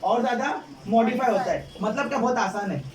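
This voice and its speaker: In an echoey classroom with student chatter and a distant microphone, a man teaches chemistry in a very high voice, speaking a little fast. There's slight background noise. He repeats his points and throws questions at the students.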